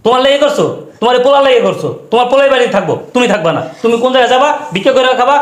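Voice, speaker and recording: A man's voice: very high voice, lively intonation, rapid-fire. An actor playing a brusque young husband who throws his father out to please his wife. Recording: echoey room.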